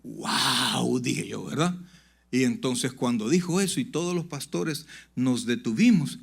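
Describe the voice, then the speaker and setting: A man preaching a sermon to his congregation, swinging from loud emphatic peaks to low confiding asides and calling out "brother" to the listeners. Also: lively intonation, normal speed, gravelly. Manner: addresses the congregation directly, "brother". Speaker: pastor. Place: church sanctuary.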